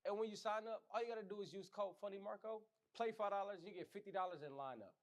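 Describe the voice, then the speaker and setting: A man's voice: high voice, fast talker. Playful, slangy male show host. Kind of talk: casual chat.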